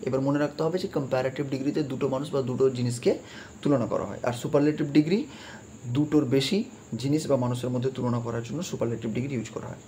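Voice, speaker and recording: A man explaining English grammar in a lesson. He talks it through with hesitant fillers, mixes English terms into his speech and reads example sentences out slowly. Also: mid-range voice, fairly even intonation, warm tone, slight background noise. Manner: slow deliberate reading of English examples, mixing English terms into his talk.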